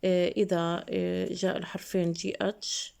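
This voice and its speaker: A woman English teacher, giving a slow classroom lesson for young pupils and explaining in between the English words. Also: lowish voice, little pitch movement, creaky, darkish tone. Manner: very slow, deliberate English, faster Arabic asides.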